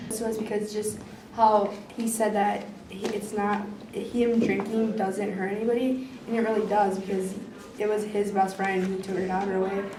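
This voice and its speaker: A woman's voice: medium pitch, level tone, moderate pace, crowd noise. Earnest teen girl, roomy distant sound. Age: teens. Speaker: student. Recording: roomy echo, distant mic, background noise.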